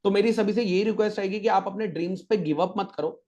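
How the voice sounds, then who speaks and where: Chatty man telling stories, fairly high voice. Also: fast, a little mellow. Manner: chatty, storytelling, motivational. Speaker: podcast guest, chartered accountant teacher. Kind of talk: casual interview chat.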